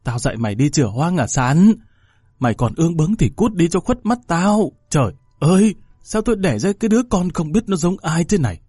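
A man's voice: on the high side, animated, normal speed, dark tone, husky, no echo, clean studio sound, soft background music, pitched above the performer's own voice. A man voicing an enraged middle-aged mother who scolds her daughter harshly, in a read-aloud story. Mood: furious. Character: furious shouting middle-aged village mother.

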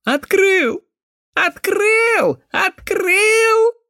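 A man voicing an excitable, simple-minded young village lad who shrieks and repeats his words like a cawing crow. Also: extremely slow, no room sound, studio quality, exaggerated voice. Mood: shrieking. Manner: shrill crowing shouts, repeats words.

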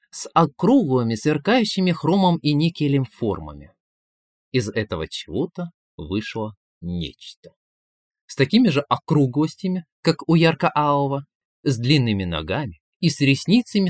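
Brief: male audiobook narrator, lively pitch, wry tone, dry close mic. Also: no echo. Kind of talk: audiobook storytelling.

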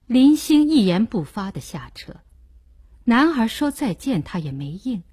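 Woman audiobook narrator, measured, expressive, husky, lively intonation. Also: on the high side.

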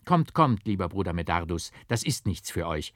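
A man voicing a kindly male cleric who speaks gently and calmly. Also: sits low, moderate pace, no echo, studio quality. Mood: gentle. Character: kindly male monk-priest, calm and gently amused.

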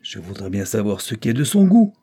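A man voicing a gruff, nosy older male judge who bursts into loud fury. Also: lowish voice, big pitch swings, fairly quick. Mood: teasing, gossipy. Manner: bluster rising to fury.

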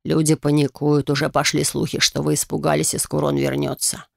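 A narrator voicing a grey-haired older male factory master who speaks slowly and accusingly, with a gravelly edge. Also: fairly high pitch, completely flat delivery, no room sound, clean studio sound. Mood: grim.

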